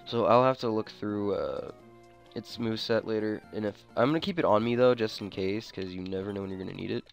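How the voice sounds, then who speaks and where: Casual male gamer, lowish voice, informal and slangy, commentating over game music. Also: a little fast, gravelly. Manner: informal, slangy, thinking aloud. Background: video game music.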